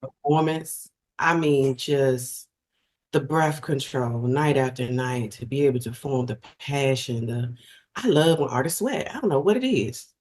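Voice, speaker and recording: A middle-aged singer appears as a guest in a casual interview, speaking with a very deep voice and a little slowly. She's animated and effusive, often restarting her sentences.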